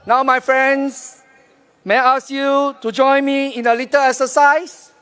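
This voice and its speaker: Singaporean male candidate, very high voice, political rally speech, speaks straight to the crowd. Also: little pitch movement, a little slow, a bit bright. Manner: addresses crowd directly with questions and instructions. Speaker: election candidate. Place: outdoor rally field, over a PA.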